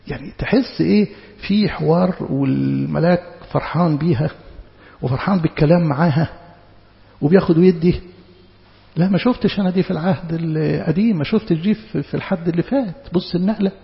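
A man preaching a sermon with an Egyptian accent, in a conversational style full of rhetorical questions. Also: on the high side. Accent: Egyptian Arabic. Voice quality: gravelly. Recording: long hall reverb, dull sound.

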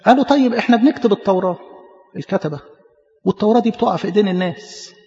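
High, fast Egyptian preacher, gravelly. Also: male voice, mellow. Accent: Egyptian Arabic. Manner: emphatic, explanatory, stammers on repeats. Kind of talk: sermon teaching. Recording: echoey hall, muffled lo-fi.

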